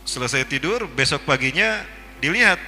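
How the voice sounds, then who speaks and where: A male preacher, telling a story in a lively, humorous sermon. His voice sits fairly high and very bright, and his pitch rises and falls widely. A long hall reverb surrounds him, with faint music underneath. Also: moderate pace.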